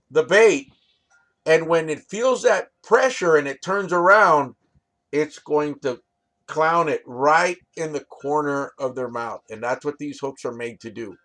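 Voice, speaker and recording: This American fishing channel host has a slightly high, fairly bright voice. He shows off his fishing rigs in a loose, rambling way, full of fillers and restarts, and keeps asking the viewer "right?"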